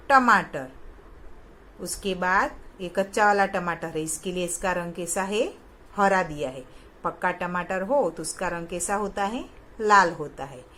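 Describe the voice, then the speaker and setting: Slow, patient woman teacher. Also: mid-range voice, fairly bright tone. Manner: slow, patient, repeats and stresses each sound. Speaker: kindergarten teacher. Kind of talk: recorded lesson for young children.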